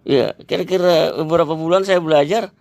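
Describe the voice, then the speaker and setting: A gravelly man, his voice sitting a touch high. He tells a loose, rambling story to someone he keeps calling "Pak". The recording is close and dry, with no room sound. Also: steady tone, brisk, darkish tone, dry recording. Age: 70s. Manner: rambling, repeats "gitu" and "Pak" often. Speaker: exercise teacher. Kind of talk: casual storytelling to an interviewer.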